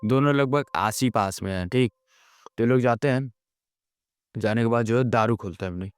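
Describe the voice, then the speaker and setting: A man's voice: medium pitch, normal speed, clean tone. A man with a Hindi accent casually telling a horror story, rambling with frequent fillers and self-corrections.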